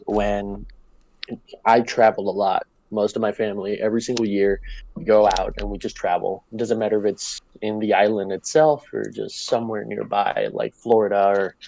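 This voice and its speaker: A man's voice: lowish voice, flat delivery, moderate pace, gravelly, darkish tone, a little hiss or hum, low-quality recording. A young man from Puerto Rico chatting on a podcast, telling a story loosely with swearing and laughs. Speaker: podcast co-host. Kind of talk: casual chat.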